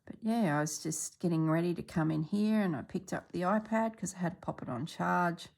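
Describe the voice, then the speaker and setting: A middle-aged Australian woman who vlogs about stitching chats in a relaxed, casual way while she sews, her voice fairly low and her pace fairly quick. She sounds a little congested, clears her throat, and now and then drops into soft murmurs as she works.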